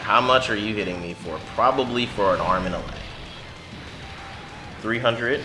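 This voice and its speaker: A man's voice: fairly low pitch, moderate pace, over music. A man casually commenting on his own mobile game run, talking to himself and his viewers as he plays. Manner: chatty, mutters to himself, bursts loud at big hits. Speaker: gaming channel host.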